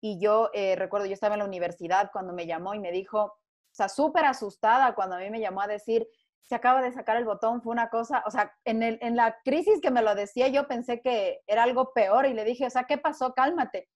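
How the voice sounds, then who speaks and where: A woman's voice: medium pitch, fairly quick, darkish tone. A woman from Ecuador, a guest on a panel talk, speaking earnestly and telling a story with frequent restarts.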